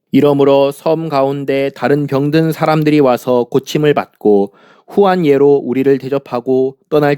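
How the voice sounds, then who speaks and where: A man reading scripture aloud for his church in a steady, measured way. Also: a little high, clean tone, no room sound, studio quality. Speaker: church Bible reader.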